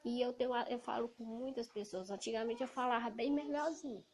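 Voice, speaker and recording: A woman from Ceará with a Cearense Brazilian accent, talking loudly and emphatically in an indignant casual monologue to camera. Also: a little high, steady tone, brisk. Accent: Cearense Brazilian Portuguese. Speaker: evangelical vlogger. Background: noisy children.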